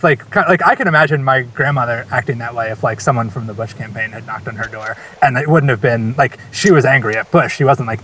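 Man, halting casual storyteller, many fillers, faint rumble in the background. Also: a bit bright. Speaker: campaign volunteer.

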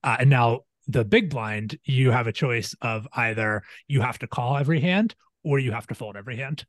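A man's voice: mid-range voice, normal speed, no room sound. A man hosting a podcast, talking through strategy analytically with many fillers and restarts. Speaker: podcast host. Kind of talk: casual strategy discussion.

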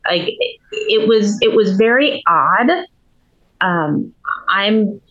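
A woman's voice: medium pitch, slow, fairly bright tone. Woman poker player on a podcast, earnest, restarts a lot, kinda muffled lo-fi audio. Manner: earnest, explaining with hesitant restarts. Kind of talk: podcast conversation.

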